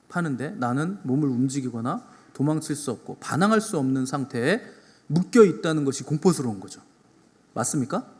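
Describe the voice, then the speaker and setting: A male pastor preaching a Sunday sermon, swinging between loud emphatic peaks and soft low asides and putting rhetorical questions to the congregation. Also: breathy edge, big-room sound. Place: church sanctuary.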